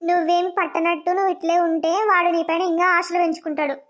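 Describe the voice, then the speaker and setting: A high voice doing a coaxing girl best friend. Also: level tone, fast talker, a bit bright, muffled recording. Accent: Telangana Telugu. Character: sympathetic young female college friend.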